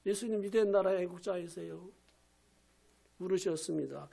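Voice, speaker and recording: Older male pastor, very high voice. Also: moderate pace, vocal fry. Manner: emphatic, repetitive preaching with shouted quotes and rhetorical questions. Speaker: pastor emeritus. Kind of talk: sermon. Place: church sanctuary.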